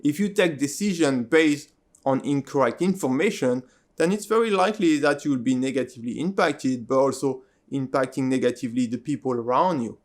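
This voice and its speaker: A man's voice: mid-range voice, brisk. Earnest male host explaining directly. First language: French. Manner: earnest, explanatory, asks "right?" often. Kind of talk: video introduction and interview.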